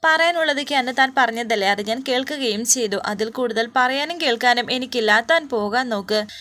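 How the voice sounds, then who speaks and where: A proud, wealthy man brushes someone off with curt, cold words , as a woman narrator puts him on. The voice is high and clipped. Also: brisk, pushed and bright. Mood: dismissive. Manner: curt, dismissive.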